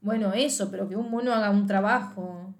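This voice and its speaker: A young woman with a Rioplatense accent, co-hosting a casual chat in a playful, whiny, soft-hearted way. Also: mid-range voice, a little fast. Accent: Rioplatense Spanish. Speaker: podcast co-host.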